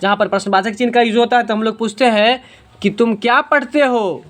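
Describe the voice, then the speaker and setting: Woman teacher doing a class lesson, patient, keeps asking the kids questions, slows right down on examples. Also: fairly high pitch, fairly even intonation. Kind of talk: classroom Hindi grammar lesson.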